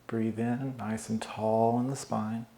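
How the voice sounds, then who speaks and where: A man guides a meditation in a slow, soothing voice of middle pitch. He leaves long pauses between calm breathing instructions. The recording has a roomy echo with a faint ambient hum behind it. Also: gravelly.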